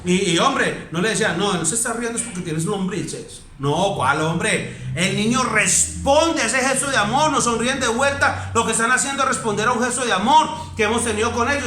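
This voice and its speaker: A pastor with a Colombian accent preaches in a high, sharp and forceful voice. He talks to his congregation in a conversational, emphatic way and keeps asking them questions. The sound is roomy, as in a church hall. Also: moderate pace, slight background noise. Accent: Colombian Spanish. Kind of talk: sermon.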